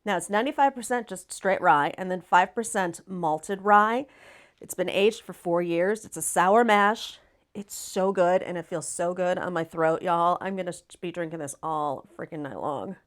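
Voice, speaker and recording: A woman hosts a livestream in a raspy, hoarse voice. She talks in a folksy, animated way, as if chatting with friends, and leans on her words for emphasis. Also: on the low side, normal speed. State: hoarse, recovering from laryngitis. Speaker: live stream host. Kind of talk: casual livestream chat.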